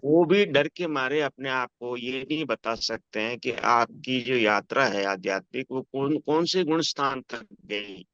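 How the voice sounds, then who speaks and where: A man in a casual spiritual discussion, asking thoughtful questions in a halting way as he searches for words. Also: medium pitch, fairly bright tone, dry recording, highs cut off. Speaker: conversation partner asking questions.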